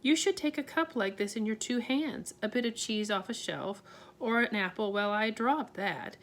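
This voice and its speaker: A woman reading aloud and voicing a tiny, plain-spoken borrower father who talks in homely, ungrammatical phrases with calm reassurance. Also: a little high, moderate pace, close to an everyday voice. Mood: steady.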